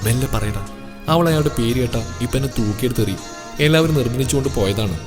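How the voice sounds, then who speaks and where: A man voicing a kindly elder-sister woman who chats softly and chides gently. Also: mid-range voice, lively intonation, quick pace, natural voice. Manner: soft, motherly, chatty. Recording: long reverb with soft music.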